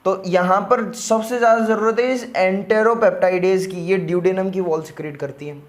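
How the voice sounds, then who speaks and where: A male teacher explains the material slowly in a relaxed, casual lecture. He speaks to the student like a buddy and keeps asking whether they follow. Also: high-pitched. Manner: familiar, addresses the student as a buddy, checks in with "yes or no".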